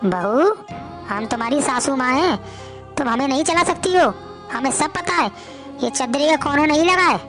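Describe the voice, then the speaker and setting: A woman's voice: sits high, expressive, moderate pace, over music. A woman voicing a stern, reproachful older mother-in-law who keeps prying.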